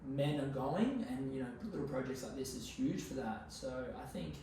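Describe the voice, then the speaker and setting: A young Australian man talks as a relaxed interview guest, using plenty of slang and swearing. His voice is picked up from a distance in a very echoey room, with clear background noise. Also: medium pitch, moderate pace. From Queensland, Australia. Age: 20s. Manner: laid-back, slangy, sweary. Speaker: podcast guest. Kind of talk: casual conversational interview.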